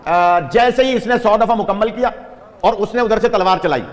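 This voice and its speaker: A man preaching at a religious gathering, telling a story with animation, chanting devotional phrases and urging listeners to stay awake. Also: high voice. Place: large gathering hall with audience. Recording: long hall reverb.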